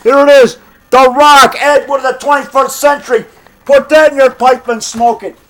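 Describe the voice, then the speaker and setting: A man's voice: extremely high pitch, steady tone, moderate pace, fairly bright tone. A middle-aged man in a combative, off-the-cuff phone argument, defiant and boastful, punctuating his points with "brother" and "pal.". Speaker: low-budget monster movie maker.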